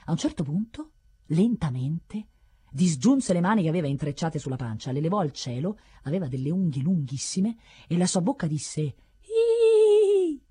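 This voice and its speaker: A woman narrating an audiobook story in a measured, dramatic way. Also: deep voice, expressive, dark tone, slightly rough.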